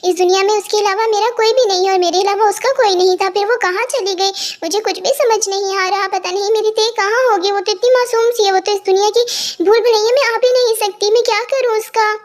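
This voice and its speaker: A woman's voice: very high voice, fairly even intonation, brisk, hardly any pauses. A woman voicing a worried, anxious young man in a fan audio story, lamenting.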